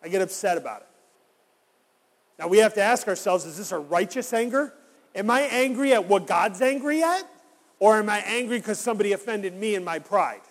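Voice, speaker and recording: A man with a notably high voice preaches a sermon, his words ringing out with a long reverb in a large church hall. He talks to the congregation in a conversational way and keeps asking them rhetorical questions. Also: brisk. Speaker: pastor.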